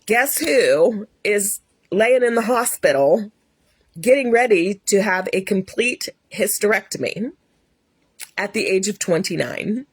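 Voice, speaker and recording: A woman's voice: medium pitch, lively intonation, a little slow, breathy edge, no room sound. A woman in her fifties sharing a personal faith testimony in an earnest, emotional storytelling way. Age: 50s. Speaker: host.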